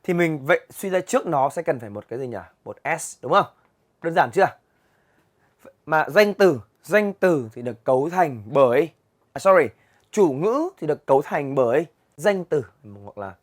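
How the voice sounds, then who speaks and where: A young man with a Vietnamese accent teaching English vocabulary, patiently explaining words and reading them aloud slowly in a classroom. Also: fairly high pitch, expressive. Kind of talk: vocabulary lesson for students. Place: classroom with a chalkboard.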